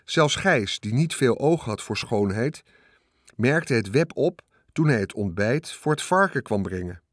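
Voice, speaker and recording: Male storybook narrator, calm and measured, dry studio sound. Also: medium pitch, dry recording. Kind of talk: scripted audiobook narration.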